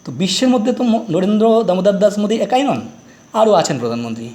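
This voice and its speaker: A man's voice: sits high, sing-song, very fast, mellow. A middle-aged man teaching English grammar, explaining step by step and asking quiz questions as he goes. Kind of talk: grammar lesson explaining articles.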